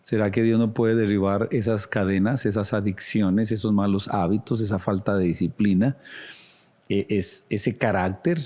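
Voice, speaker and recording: A man's voice: fairly low pitch, gravelly, dark tone. A man preaching a sermon as a pastor, earnest and speaking straight to the listener with direct questions. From Latin America.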